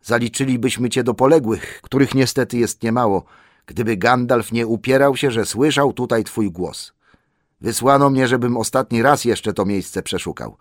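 A sturdy, strong soldier , as a narrator puts him on calls out loudly and urgently, voice pitched somewhat up. The reading is dry and close-miked. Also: male voice, normal speed, dry recording, close to an everyday voice. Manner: loud and urgent. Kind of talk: audiobook character voice.

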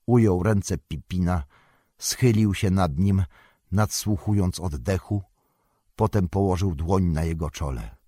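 A man reads an audiobook in a measured, even way. His voice is low and his pace is very slow. The recording is dry and close, with no room echo. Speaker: narrator. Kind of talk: audiobook narration.

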